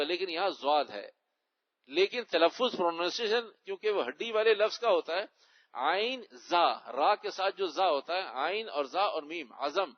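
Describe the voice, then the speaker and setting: A man, an Islamic scholar, answering audience questions in a religious Q&A lecture, explaining rulings and repeating key words for emphasis. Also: high-pitched. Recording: dull lo-fi recording.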